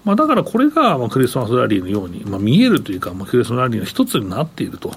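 A man's voice: mid-range voice, wildly swooping pitch, rapid-fire, slightly rough. A man, a regular commentator on a radio market show, rambling casually with many fillers.

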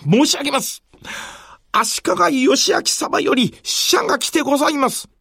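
A storyteller voicing a male retainer bringing news, hurried and deferential. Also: sits high, lively intonation, vocal fry, a bit bright, no room sound, clean studio sound, pitched above the performer's own voice, full character voice. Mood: urgent. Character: breathless loyal retainer messenger, male.

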